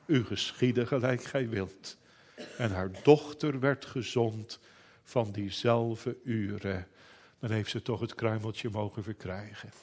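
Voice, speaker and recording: A man's voice: on the low side, steady tone, takes it slowly, a little mellow. A man preaching a sermon in a solemn, old-fashioned biblical manner.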